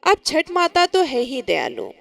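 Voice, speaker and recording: A woman narrating a devotional folk tale in an expressive, dramatic storytelling manner. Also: high voice, measured pace, gravelly.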